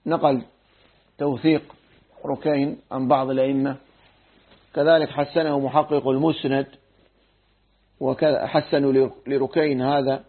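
A man teaching a Quran commentary lesson, measured and pausing to check readings. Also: medium pitch, level tone. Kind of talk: tafsir lesson. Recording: tinny phone-like recording.

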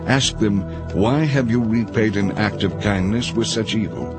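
A man's voice: on the low side, normal speed, music in the background, voice pushed up, lightly acted. A man voicing a stern commanding ruler.

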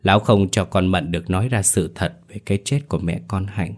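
A man narrating a scripted horror story in a measured, steady storytelling manner. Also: low voice. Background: soft background music.

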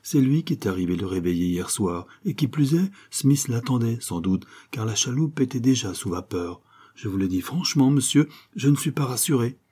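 A man voicing a stout, red-faced boatman's wife, worried and talkative, raising his pitch for her. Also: lively intonation, normal speed, dark tone, husky. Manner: fretful, talkative, pleading. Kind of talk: audiobook character reading.

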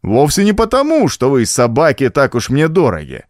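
A man's voice: medium pitch, wildly swooping pitch, moderate pace, no echo, clean studio sound, voice pushed up. A man voicing a scornful, cunning male woodsman in an audiobook, with a taunting, contemptuous manner. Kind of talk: audiobook character voice.

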